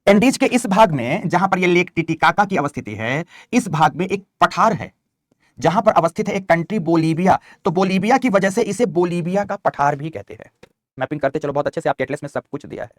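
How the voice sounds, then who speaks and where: A man's voice: high voice, animated, a little fast, dry recording, studio quality. A man teaching a geography map lesson. He repeats key terms and calls his students "beta". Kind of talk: online map lecture.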